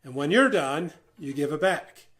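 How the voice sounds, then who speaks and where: A middle-aged man giving an informal talk on listening in marriage, relaxed, repeating words and using many fillers. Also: on the high side, moderate pace. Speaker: marriage communication teacher.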